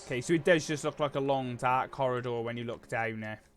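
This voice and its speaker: A man runs a tabletop game in an unhurried, hesitant way, often stopping to think mid-sentence. He sounds middle-pitched and easygoing, with faint music playing in the background. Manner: laid-back, hesitant with frequent ums. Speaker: game master.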